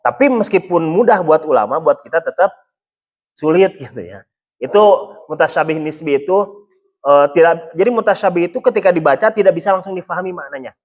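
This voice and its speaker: A man's voice: on the high side, dull audio. A man teaching a Quran study lecture in a patient, explanatory way, often adding a checking "ya". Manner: explanatory, repeating "ya" to check understanding. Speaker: Islamic religious teacher.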